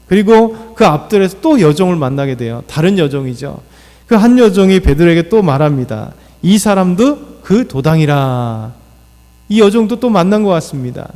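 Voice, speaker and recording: Male pastor, slightly high voice, loose preaching with fillers, reverberant sanctuary. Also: big pitch swings, a little fast, warm tone. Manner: unscripted preaching with fillers, acts out quoted lines. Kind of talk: dawn prayer sermon. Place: church sanctuary. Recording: church hall reverb.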